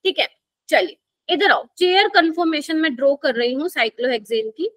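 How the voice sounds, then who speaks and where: A high-voiced woman teaches a live chemistry lesson in Hindi mixed with English, with an Indian accent and lively, slightly bright delivery. She goes slowly and patiently, repeatedly checking whether the class follows. The recording is dry and close, with no echo.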